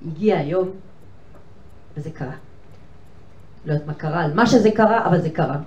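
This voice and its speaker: An older woman giving a lively storytelling lecture to a room of women, acting out conversations with big swings in pitch and volume. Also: dull audio. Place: lecture hall with an audience of women. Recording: echoey hall from far off, faint noise.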